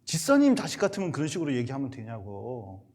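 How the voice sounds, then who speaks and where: A male pastor with a medium-pitched voice speaks fast, preaching a sermon to parents. He tells animated stories filled with acted-out quotes.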